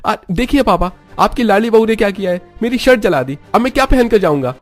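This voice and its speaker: Guy doing a snappy hot-headed young husband, pitched up and yelling. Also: a little fast, soft background music, close to an everyday voice. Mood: angry. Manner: shouting, irritable. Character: short-tempered young husband. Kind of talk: cartoon story voice acting.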